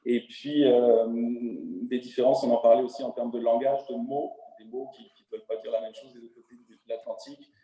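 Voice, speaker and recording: A man's voice: mid-range voice, moderate pace, hardly any pauses, mellow, reverberant, rough recording. A man from France with a French accent, speaking hesitantly with many fillers as a webinar panelist. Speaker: panelist entrepreneur. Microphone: video call.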